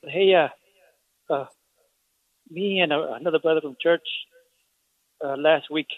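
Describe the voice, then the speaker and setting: A sick man in his forties speaks over a tinny, narrow phone line with a slightly raised pitch. His talk is halting and hesitant, broken by pauses, and the line sounds dry and close. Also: dry recording. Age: 40s. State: sick with pneumonia, in hospital. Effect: heard over a phone line. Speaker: caller. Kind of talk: call-in chat.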